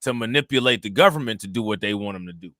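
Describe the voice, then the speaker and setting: A man's voice: lowish voice, animated, fast talker, sharp tone, no room sound, studio quality. A man co-hosting a casual stream, explaining things in slangy storytelling and laughing often. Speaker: co-host of a reaction stream. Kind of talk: casual chat reacting to a clip.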